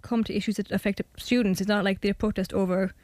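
A woman's voice: mid-range voice, steady tone, fast, a little mellow, no room sound. A young Irish woman in her twenties, chatting casually as a radio guest and narrating her own documentary. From Ireland. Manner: chatty, hedging with fillers. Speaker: student documentary maker.

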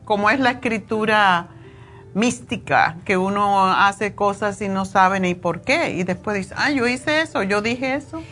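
A woman's voice: mid-range voice, unhurried, a bit bright, soft background music. A woman hosting a health radio show, agreeing readily and adding her own remarks. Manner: agreeable, affirming interjections. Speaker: radio host.

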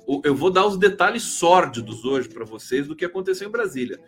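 A man's voice: fairly high pitch, very animated, a little fast, soft background music. A man hosting a live stream, chatting casually about politics, rambling and tagging his sentences with questions to viewers. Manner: chatty, rambling, constant "né?" tags, reads out viewer comments.

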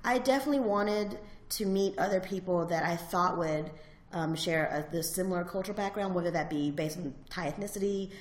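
Southern-accented woman in her forties, animated. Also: lowish voice, brisk, echoey room. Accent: Southern US (Alabama). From Alabama, US. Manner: animated, laughs often, frequent fillers. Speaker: interviewee, alumna. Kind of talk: casual personal interview.

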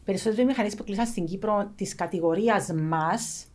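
A woman's voice: medium pitch, a little mellow. A woman with a Cypriot Greek accent talking casually as an interview guest, emphatic and repeating phrases for stress. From Cyprus. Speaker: interview guest, clothing factory owner.

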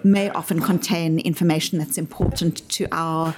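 Low-voiced South African woman explaining. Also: steady tone, noisy background. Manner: measured, articulate, uses everyday examples. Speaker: interview guest explaining her framework. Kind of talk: explanatory interview answers.

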